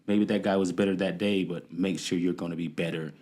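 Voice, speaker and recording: A man's voice: deep voice, fairly even intonation, fairly quick, darkish tone. A young man, a guest in a casual interview, talking earnestly and rambling with many "you know"s. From Amarillo, Texas. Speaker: guest, MMA fighter.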